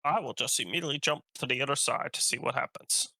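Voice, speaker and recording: A man's voice: mid-range voice, fast talker, gravelly, sharp tone, no echo. A man playing in a tabletop game, laid-back and laughing. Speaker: player. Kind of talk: casual tabletop chat.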